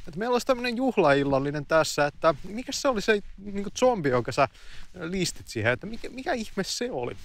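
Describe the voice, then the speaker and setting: A friendly young host greeting guests to a little dinner, curious and eager, his voice raised well above the storyteller's own, as a man plays him. He asks questions in a bright, sociable way. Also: high-pitched, very animated, voice pushed up.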